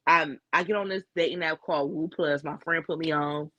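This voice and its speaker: A woman's voice: deep voice, steady tone, a little fast, pushed and bright, no echo, muffled recording. Co-host, woman, chatty and blunt, recorded dry with no room sound. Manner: candid, profane storytelling with lots of fillers. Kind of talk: casual chat.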